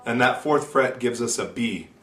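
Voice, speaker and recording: A man teaching guitar in a casual video lesson, talking in a relaxed, chatty way with fillers and restarts. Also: mid-range voice, moderate pace. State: has the hiccups. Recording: echoey room with guitar playing.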